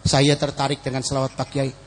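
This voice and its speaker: A man voicing a wealthy, earnest middle-aged businessman in a hushed, lower voice during a sermon. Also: completely flat delivery, brisk, natural voice. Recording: echoey mosque hall.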